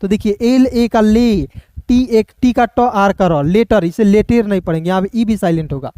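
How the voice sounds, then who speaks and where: Soft-spoken man spelling words aloud. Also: high voice, normal speed, dry recording, studio quality. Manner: spells letters one by one, then sounds out the word; keeps addressing viewers as friends and checking they follow. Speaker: English reading teacher. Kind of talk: spelling-out reading lesson.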